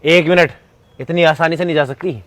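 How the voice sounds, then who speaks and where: A man's voice: a little high, fairly even intonation, moderate pace, a bit bright, no room sound, natural voice. A man playing a protective adult son scolding his ex-girlfriend in a short acted skit. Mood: angry. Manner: indignant, scolding.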